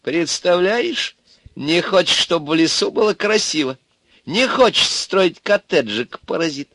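A cranky, mustached witch's daughter from a folk tale, put on by a male reader. She snaps and scoffs in a high, bouncy voice. The sound is dry and close. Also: expressive, a little slow, a bit bright, no room sound, exaggerated voice. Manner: snappish, scornful.

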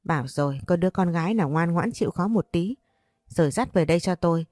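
A woman's voice: fairly low pitch, lively intonation, fast, darkish tone, no room sound, studio quality. A woman voicing a harsh, scolding middle-aged mother who runs a shop, cutting in her words.

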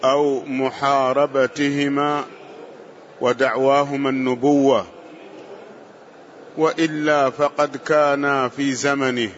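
A man reading a classical text aloud during a lesson in a slow, measured way. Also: mid-range voice, level tone. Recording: dull lo-fi audio.

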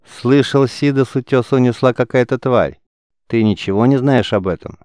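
A man voicing a calm, stern teenage gang leader who questions curtly, in an audiobook. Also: medium pitch, moderate pace, no echo, clean studio sound, natural voice. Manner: curt, commanding, questioning.

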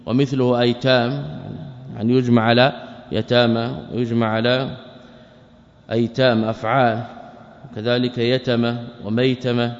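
A man giving an explanatory religious lesson as a scholar, working methodically through word forms and asking himself questions before answering. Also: mid-range voice. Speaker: Islamic scholar teaching a creed text. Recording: dull lo-fi audio with long reverb.

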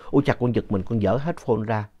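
A man narrating a ghost story in a conversational, lively way with asides to the listener. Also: fairly low pitch, fairly quick, a little hiss or hum. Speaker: story reader. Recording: dull lo-fi sound.

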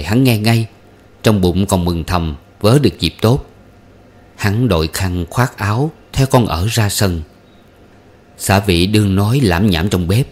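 A male audiobook narrator reading a novel. His voice is fairly low. His storytelling is steady and measured.

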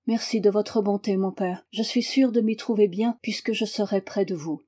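A woman's voice: medium pitch, steady tone, normal speed, mellow, close to an everyday voice. A woman reading aloud as a timid, tearful young girl who speaks plaintively.

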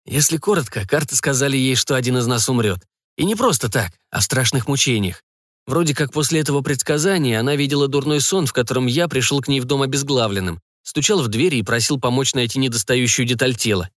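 A male narrator voicing a shy, earnest young man in an audiobook, speaking a touch higher than his own voice. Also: fast talker, no room sound, clean studio sound, natural voice. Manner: hesitant and earnest. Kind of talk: audiobook reading.

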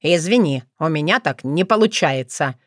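A sulky young male crow, voiced by a woman reader, a little lower and slower than her narrating voice, grumbling and dry. The recording is close with no room sound. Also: animated, dry recording. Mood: sullen.

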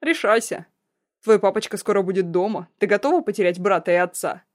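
A woman voicing a cruel young man, a blackmailing ex-fiancé, in a loud, mocking, threatening way. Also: mid-range voice, lively intonation, a little fast, lightly acted. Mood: menacing.

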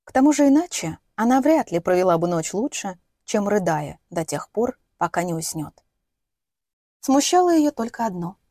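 Woman reading an audiobook, calm measured pace, mellow dry sound. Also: medium pitch, no room sound. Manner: steady, measured storytelling. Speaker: audiobook narrator. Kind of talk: scripted narration.

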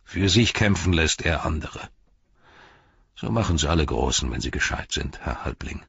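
A man performs a grim old steward in an audiobook, his voice sunk low and hushed, almost breathy. He broods slowly over every line. The recording is dry and a little dull. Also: lively intonation, no echo, exaggerated voice. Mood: bitter. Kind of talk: audiobook character reading.

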